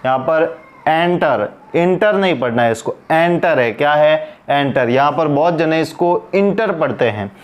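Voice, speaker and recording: A man's voice: fairly high pitch, normal speed. A man teaching an English pronunciation lesson, asking questions and answering them himself as he repeats each word.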